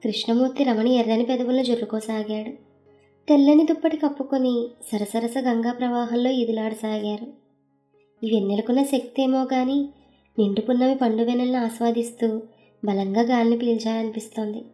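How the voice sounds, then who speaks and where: A woman narrating a story in a slow, lingering, expressive way. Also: fairly high pitch, soft background music.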